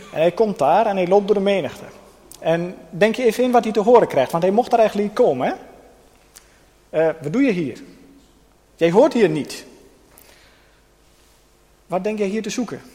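A man preaching a sermon with personal testimony, earnest, with pauses and soft emphasis. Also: high voice. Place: church hall. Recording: long hall reverb.

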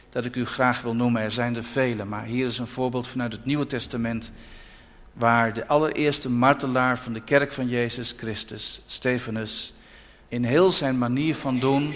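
Man preaching a sermon in a reverberant hall. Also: mid-range voice. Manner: earnest, measured preaching with Bible readings, warming to animated storytelling. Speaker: pastor.

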